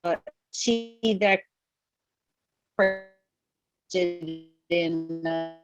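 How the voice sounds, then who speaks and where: A woman at a community board meeting on a video call, her audio glitching and cutting out as she asks a hesitant, halting question. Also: on the low side, smooth, muffled recording, faint music behind. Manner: hesitant, halting, repeats words. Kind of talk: casual meeting discussion.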